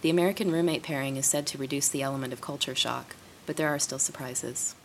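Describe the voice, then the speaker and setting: A woman's voice: very deep voice, fast, slight background noise. A woman reading a scripted student news voice-over. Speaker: news reporter.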